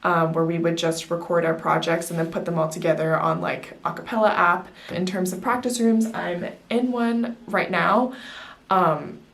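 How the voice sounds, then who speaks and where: A young woman with a slightly low-pitched voice speaks as a student vlogger. She explains things casually to camera, in loose, informal sentences that wander a little and are dotted with fillers. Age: early 20s. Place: small music practice room, indoors.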